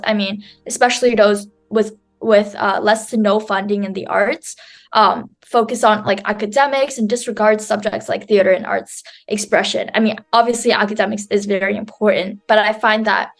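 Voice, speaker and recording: A woman's voice: mid-range voice, fairly even intonation, moderate pace, gravelly. A woman student raised in New York presenting her nonprofit at an online conference over a video call, talking in a chatty way full of "um" and "like". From New York City, USA.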